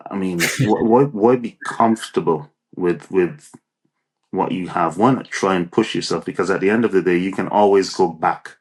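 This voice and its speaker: A man's voice: low voice, moderate pace, a little hiss or hum. A man from Nevis, giving encouraging, conversational interview answers and often repeating words as he thinks aloud. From Nevis, Saint Kitts and Nevis. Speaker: interview guest, entrepreneur.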